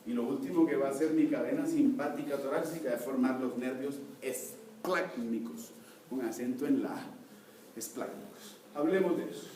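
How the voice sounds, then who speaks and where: Guy teaching anatomy class, mellow voice, heard from across a big echoey room. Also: medium pitch, fast talker, few pauses. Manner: explains step by step, asks the class to confirm. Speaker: anatomy lecturer. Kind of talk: university lecture. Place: lecture hall. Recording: echoey hall from far off, faint noise.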